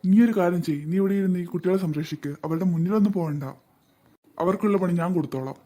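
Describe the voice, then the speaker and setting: A man's voice: sits high, quick pace, dark tone. A man voicing a stern, protective ghost in a cartoon, scolding and threatening. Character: stern protective house ghost, grown male.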